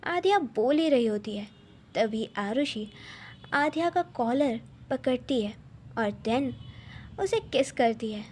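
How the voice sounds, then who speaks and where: A woman narrating a romance story aloud in slow, halting short phrases. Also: on the high side, lively intonation, darkish tone, a little hiss or hum.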